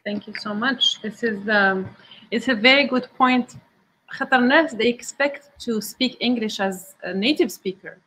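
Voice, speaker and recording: A woman's voice: fairly high pitch, normal speed, sharp tone, slightly rough, poor audio. A woman from Algeria with an Algerian accent, hosting an online interview and switching between English, Arabic and French. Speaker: host.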